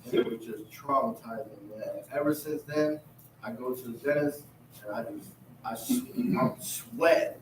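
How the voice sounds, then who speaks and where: A man's voice: mid-range voice, normal speed. Profane man in an echoey room. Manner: casual, profane storytelling. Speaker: group member. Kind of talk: group counseling share. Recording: echoey room, mic far off, noisy.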